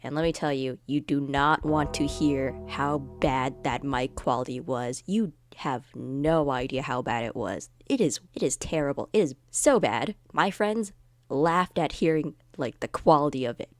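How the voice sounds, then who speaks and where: A woman talking in a monotone, rambling and self-deprecating way in a casual vlog. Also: low voice, measured pace, no echo. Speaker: video creator.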